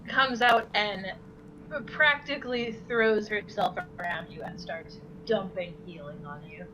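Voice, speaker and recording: A woman talking casually at a tabletop game. Her delivery is slow, and the recording is dull with clear background noise. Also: mid-range voice.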